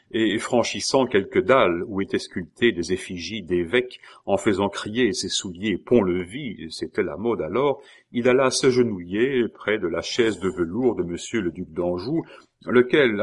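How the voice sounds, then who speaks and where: Man, lowish voice, measured audiobook narration, steady storytelling. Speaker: audiobook reader. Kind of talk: scripted narration of a historical novel.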